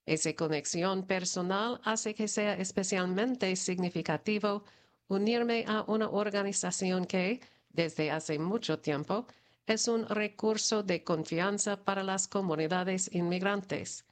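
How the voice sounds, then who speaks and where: A woman reads community news at an unhurried, deliberate pace. Her delivery is steady and measured, each item read out plainly as prepared copy. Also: medium pitch. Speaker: news reader.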